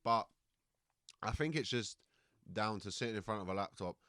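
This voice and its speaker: Young South London comic, low bright voice, rambling storyteller, dry studio mic. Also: male voice, lively intonation, moderate pace, dry recording. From Croydon, South London, England. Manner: rambling anecdotes with many fillers and restarts. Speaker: stand-up comedian, podcast guest. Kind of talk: casual podcast chat, storytelling. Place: podcast studio.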